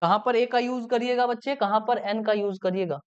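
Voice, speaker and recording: A woman's voice: a little high, fairly quick, clean tone, highs cut off. A woman teacher giving a grammar lesson to children, asking questions and then answering them herself.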